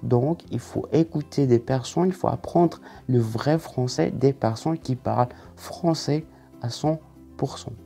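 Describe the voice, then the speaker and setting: A man's voice: mid-range voice, a little slow, creaky, warm tone, faint music behind. A man teaching a French language lesson online, explaining things methodically, step by step.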